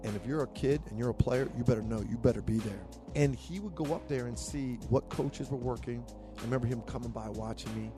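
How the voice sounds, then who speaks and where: A man, a head basketball coach telling stories in an interview. He speaks with animation and gets louder on his punchlines. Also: medium pitch, fairly quick. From Philadelphia, USA. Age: 50s. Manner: animated storyteller, rising loud on punchlines. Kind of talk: storytelling in an interview. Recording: music playing under the voice.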